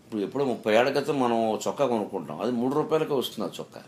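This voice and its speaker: A man's voice: medium pitch, animated, very fast, a little mellow. Man giving a spiritual discourse. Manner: storytelling, rhetorical questions, emphatic rises. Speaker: spiritual speaker.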